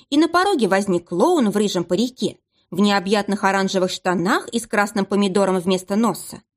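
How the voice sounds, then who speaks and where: A woman narrating an audiobook in an expressive reading manner. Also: medium pitch.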